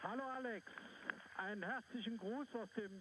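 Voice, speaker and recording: A man's voice: sits high, fairly quick, fairly bright tone. A man working as a space agency public affairs officer, calling over a radio link in formal procedure phrasing. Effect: distant radio link voice. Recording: faint, distant radio transmission.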